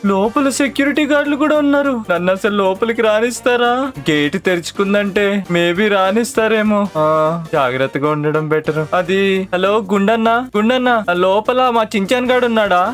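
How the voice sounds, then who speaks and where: A man's voice: high-pitched, lively intonation, moderate pace, faint music behind. A man voicing an anxious, exclaiming cartoon character in role-play. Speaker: narrator and lead voice.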